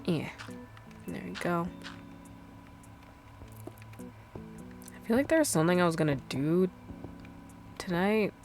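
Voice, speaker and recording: A woman's voice: lowish voice, animated, takes it slowly, pauses often, over music. A young adult woman streaming a game, chatting casually and rambling with lots of fillers. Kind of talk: casual chat while gaming.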